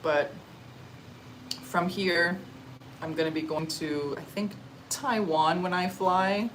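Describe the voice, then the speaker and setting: A young woman from Canada chatting casually on a livestream while eating, answering comments in a relaxed, chatty way with little murmurs of enjoyment. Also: lowish voice, slow, a little hiss or hum, poor audio. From Canada (Ontario). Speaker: livestream vlogger. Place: outdoors or open space in a warm country.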